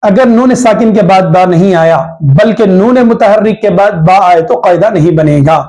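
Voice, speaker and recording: High voiced hyderabadi urdu teacher guy going over tajweed rules slow, repeats every example, clears his throat now and then. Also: dark tone, poor audio. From India. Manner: explains slowly, repeats each example, draws out recited words. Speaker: Quran recitation teacher. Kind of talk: tajweed lesson.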